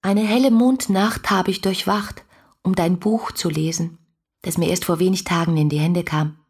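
An actress in a literary radio play voices a romantic, passionate young woman speaking intimately and poetically to her beloved. Her husky, breathy voice is fairly low and darkish, with fairly even intonation at a moderate pace, and the mood is rapt.

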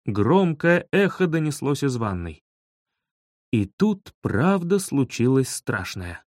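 A man narrating a humorous children's story in an expressive storytelling manner. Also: mid-range voice, slow pace, dry recording, studio quality. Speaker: audiobook narrator.

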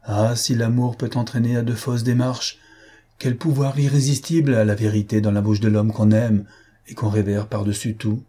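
A man narrating a classic novel aloud as an audiobook reader, in an even, literary storytelling manner. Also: on the low side, normal speed.

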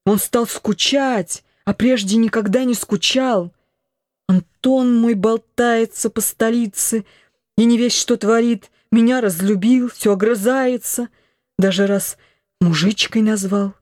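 A woman reading an audiobook, voicing a weary old noble mother who slowly laments her family's troubles. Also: on the high side, steady tone, a little mellow, no echo, studio quality. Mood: lamenting. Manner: mournful, slow complaining.

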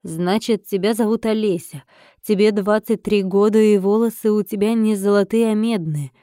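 A woman's voice: medium pitch, normal speed, dry recording, clean studio sound, natural voice. A woman voicing a cold, commanding blood mage lord. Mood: calm commanding. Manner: calm, businesslike, commanding. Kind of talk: audiobook character voicing.

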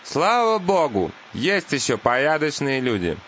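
A man's voice: on the high side, wildly swooping pitch, unhurried, fairly bright tone, slight background noise, pitched above the performer's own voice, full character voice. A man voicing a scheming male lawyer who talks in a sly, coaxing way. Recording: dull lo-fi audiobook.

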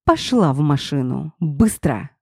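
A woman's voice: low voice, very animated, a little slow, vocal fry, breathy edge, no room sound, clean studio sound, exaggerated voice. A woman voicing a rude, domineering man, her ex-husband, barking orders with contempt. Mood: commanding.

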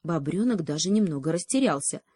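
A woman reading a children's story aloud as narrator, calm and measured. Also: on the low side, slightly rough, dry recording, clean studio sound.

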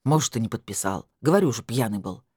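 A sheepish, evasive man, as a woman reader puts him on mumbles slow, lowered excuses in an audiobook scene. The delivery stays close and dry with a lively sway in pitch. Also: slightly rough, no room sound. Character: sheepish evasive man, ex-partner caught drinking.

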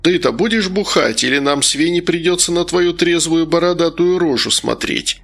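A man's voice: on the high side, moderate pace, a bit bright, voice pushed up. A man voicing a boisterous, crude, hard-drinking man in an audiobook reading. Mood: jovial. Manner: brash, festive.

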